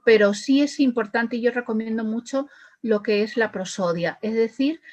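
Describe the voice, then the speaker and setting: A woman's voice: on the high side, normal speed, a little mellow. A woman speech therapist, explaining her methods with worked examples and frequent fillers. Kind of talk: explaining to an interviewer.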